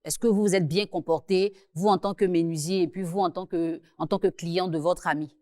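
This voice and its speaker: Calm low-voiced woman mediator. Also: no room sound, clean studio sound. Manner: calm, slow, measured. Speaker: mediator host. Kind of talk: mediating a dispute.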